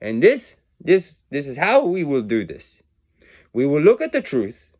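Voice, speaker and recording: Man, rambling philosophical monologue, self-mocking, shifting accent, lively swooping pitch, unhurried. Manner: meandering, self-mocking, drifting in and out of a put-on accent. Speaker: video creator musing on numbers and words.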